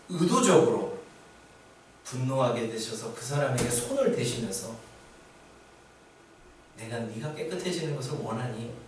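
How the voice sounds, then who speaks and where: A man's voice: sits high, fairly bright tone, slight background noise. Echoey, distant male pastor preaching. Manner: conversational preaching with rhetorical questions. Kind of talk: sermon. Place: church sanctuary. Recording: very echoey church hall from far off.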